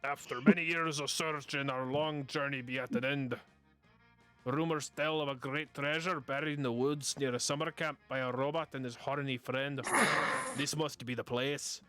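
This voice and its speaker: A man voicing a gruff, preachy pirate captain with a growling pirate manner in a voice-acted game playthrough. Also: mid-range voice, steady tone, normal speed, a bit bright, faint music behind, lightly acted.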